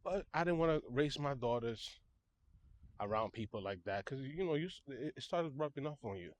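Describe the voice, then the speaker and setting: A man's voice: mid-range voice, lively intonation, moderate pace. A young man, talking casually and a little out of breath while walking through a park, repeating and correcting himself as he goes. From New York City. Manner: chatty, self-correcting, repeats phrases. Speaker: vlogger, registered nurse. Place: outdoor park.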